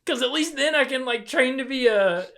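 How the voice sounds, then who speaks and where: A young woman co-hosting a casual podcast, giving blunt, quick answers and giggling often. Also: high-pitched, animated, a bit bright. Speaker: podcast co-host.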